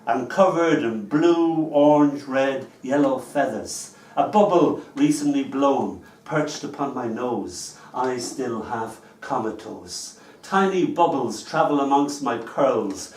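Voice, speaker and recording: Heard from a distance in an echoey small venue, a man from Ireland performs a live poetry reading. His medium-pitched voice has a darkish tone. Between poems he tells wry, chatty stories.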